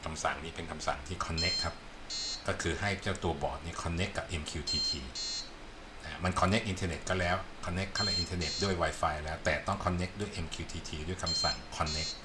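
A man with a very low voice walks through a screen-recorded coding lesson. He explains each block patiently and keeps asking if the viewer sees it. His desk mic picks up loud, steady background noise. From Thailand. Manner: unhurried, explains step by step, asks "see?" often. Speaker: teacher.

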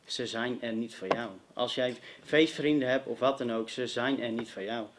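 A man's voice: medium pitch, steady tone, normal speed, noisy background. Earnest young man giving testimony. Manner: earnest, emphatic, direct address to listeners. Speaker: youth testimony speaker. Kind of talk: personal testimony to a youth meeting.

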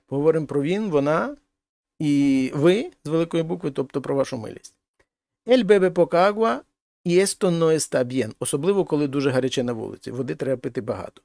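Male language teacher, slightly higher voice, patient step-by-step grammar explanations, dry close recording. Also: expressive, fast talker, creaky, warm tone, no room sound. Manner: explains step by step, translating each example. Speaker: Spanish teacher.

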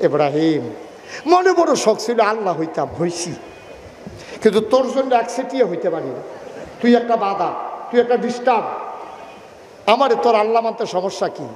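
A boastful tyrant king, sly and coaxing, as a high-voiced male preacher puts him on. The colloquial Bangladeshi speech carries through a large echoing hall with a long ringing tail. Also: sing-song, brisk, long pauses, a little mellow, a little hiss or hum.

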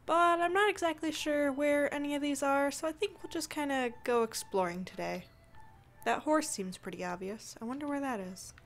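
A woman giving casual gameplay commentary, chatty and playful as she thinks aloud. Her voice sits a bit high, with game music playing softly behind her. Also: normal speed. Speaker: gameplay video host.

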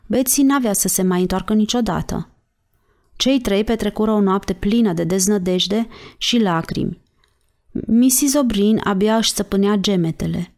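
A woman narrating an audiobook chapter in a slow, measured reading voice. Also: mid-range voice, darkish tone. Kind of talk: scripted narration.

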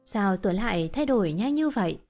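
A woman reading a short story as narrator in a steady, even storytelling voice. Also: mid-range voice, moderate pace, soft background music.

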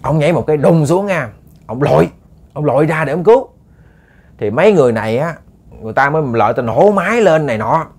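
A man's voice: a little high, animated, fast talker, darkish tone, husky. A man with a Southern Vietnamese accent telling a ghost story to listeners, casual and chatty with many repeated words.

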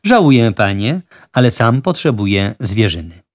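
A man's voice: fairly low pitch, very animated, moderate pace. A proud, reserved young hunter, as a man reads him. He answers curtly, firm but polite, in a storybook reading.

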